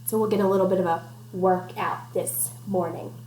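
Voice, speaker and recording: Her voice is mid-range, warm and steady, moving at a moderate pace as this woman teacher guides children at home through an interactive picture-book read-aloud full of questions and instructions. The indoor home setting echoes slightly over faint noise.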